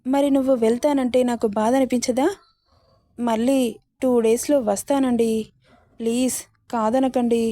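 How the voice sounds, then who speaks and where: A woman voicing a gentle young wife who pleads softly with her husband in a storybook reading. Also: fairly high pitch, fairly even intonation, moderate pace, long pauses, dry recording, lightly acted. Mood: pleading.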